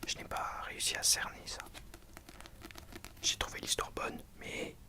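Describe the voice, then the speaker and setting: A person giving an ASMR book review in a soft, breathy library whisper, hesitant and often self-correcting. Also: unhurried. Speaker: book reviewer addressing viewers.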